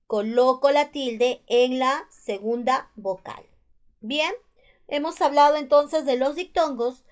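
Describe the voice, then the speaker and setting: A woman teacher with a Peruvian Spanish accent explains spelling rules over slides, patiently repeating each one. Her voice sits high and she speaks slowly.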